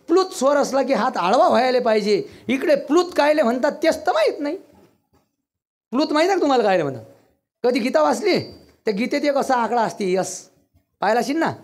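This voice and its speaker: A kirtan preacher with a Varhadi Marathi accent and a high-sitting voice delivers a devotional sermon. He's blunt and teasing, breaking into loud bursts.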